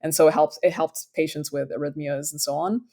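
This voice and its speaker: Low-voiced Sudanese-born woman founder. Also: steady tone, a little fast, dark tone. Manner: upbeat, enthusiastic, frequent fillers. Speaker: startup founder, guest. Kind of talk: conversational interview answers.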